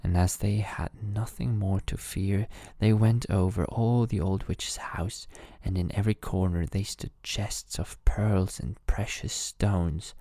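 A man with a very low, dark voice reads a fairy tale aloud as a calm bedtime story. His delivery is measured and steady, recorded dry with no room sound. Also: creaky, no room sound.

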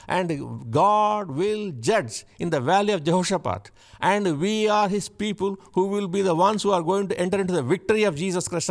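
A man preaching a sermon, shifting from chatty asides with the congregation to loud, emphatic repeated declarations. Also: sits high. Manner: builds to loud emphatic repetition; conversational asides with laughs.

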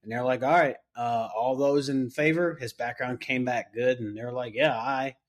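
A man's voice: mid-range voice, moderate pace. Man animatedly recounting a story. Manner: animated retelling, acting out others' lines. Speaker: firefighter, podcast guest. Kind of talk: casual storytelling chat.

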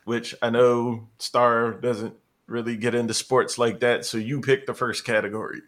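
A man's voice: medium pitch, little pitch movement, moderate pace, a bit bright. A man in his forties co-hosting a podcast, chatting casually and teasing his co-hosts. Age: 40s. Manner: joking, playful teasing. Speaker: podcast co-host. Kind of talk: casual chat.

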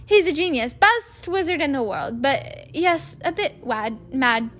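A woman's voice: high voice, animated, a little slow, a bit bright, a little hiss or hum, pitched above the performer's own voice. Woman doing a pompous teenage prefect.

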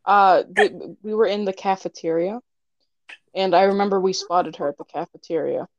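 A woman's voice: medium pitch, steady tone, moderate pace, no echo. A young woman co-hosting a podcast, telling a story in a casual, giggly way with mocking quoted voices. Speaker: podcast co-host. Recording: dry, dull lo-fi sound.

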